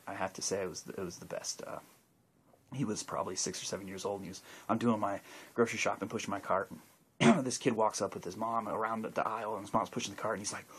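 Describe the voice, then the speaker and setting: A man with a somewhat low, husky voice, rambling through viewer questions in a loose vlog monologue. He circles back and restarts his sentences often and talks in an easygoing, candid way. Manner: rambling, with many restarts and fillers. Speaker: YouTuber answering viewer questions. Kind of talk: casual video monologue.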